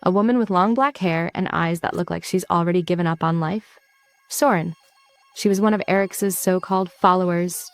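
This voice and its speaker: A woman's voice: fairly low pitch, creaky, no echo. A woman narrating a comic story recap with playful asides to the listener. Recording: dry close recording.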